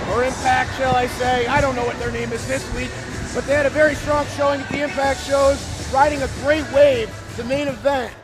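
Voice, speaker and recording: Very high-voiced male wrestling commentator, crowd behind. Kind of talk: live wrestling commentary and match analysis. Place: commentary booth at a live wrestling event. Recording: loud crowd and music behind.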